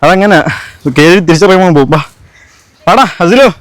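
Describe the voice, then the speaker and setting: A man's voice: high voice, expressive, moderate pace. A man doing casual outdoor vlog chat, mixing English words into his Malayalam. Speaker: travel vlogger. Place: outdoors on a hill trail.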